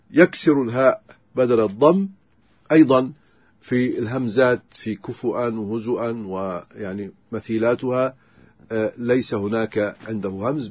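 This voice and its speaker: A man teaching the differences between Quran readings in a methodical lecture, pausing on filler sounds as he explains. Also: mid-range voice, slightly rough, dry recording, muffled recording.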